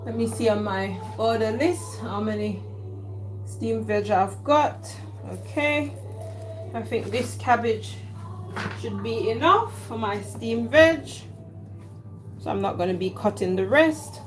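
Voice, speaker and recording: A home cook vlogger with a Jamaican accent talks slowly in a fairly high voice, chattily narrating each step as she cooks in her home kitchen. Faint music, clattering dishes and cutlery, and rough recording quality come through.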